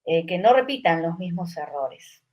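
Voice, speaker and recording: A middle-aged woman co-hosting a podcast, a psychologist talking in a relaxed, reflective way, often pausing with fillers and asking "right?". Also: fairly low pitch, dull audio. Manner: reflective, many fillers and tag questions. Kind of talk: casual conversation.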